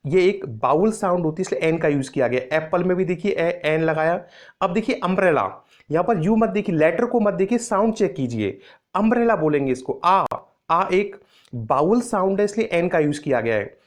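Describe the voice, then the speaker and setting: A woman teaching an English grammar lesson in Hindi, patiently repeating each example phrase slowly. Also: lowish voice, a little mellow.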